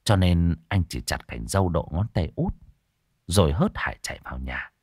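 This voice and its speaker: A man's voice: low-pitched, sing-song, normal speed, darkish tone, husky, no room sound, studio quality. A man narrating an audiobook story expressively.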